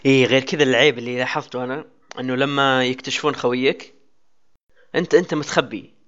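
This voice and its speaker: Male podcast co-host, quick joking chatter, mid pitch, muffled lo-fi audio. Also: fairly even intonation, a bit bright, clean tone. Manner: joking, fast banter with fillers. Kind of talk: casual gaming chat. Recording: dull lo-fi sound.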